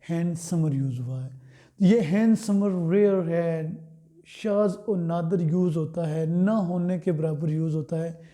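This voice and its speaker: A man teaching English grammar in Hindi, pronouncing example words slowly and putting questions to his students that he answers himself. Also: high voice, mellow. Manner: slow, drawn-out words, asks and answers his own questions. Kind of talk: Hindi-language grammar lesson.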